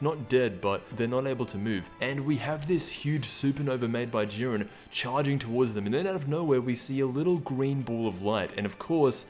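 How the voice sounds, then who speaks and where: A man's voice: medium pitch, a little mellow. A man hosting a video, giving casual, opinionated commentary and recap in an explaining way. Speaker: video host. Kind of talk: fan recap and commentary on an anime episode preview. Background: music behind the voice.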